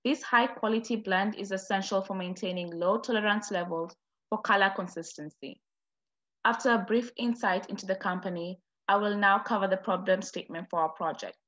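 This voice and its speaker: A woman student presenter reading a formal project overview at a steady pace. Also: mid-range voice, fairly quick, highs cut off.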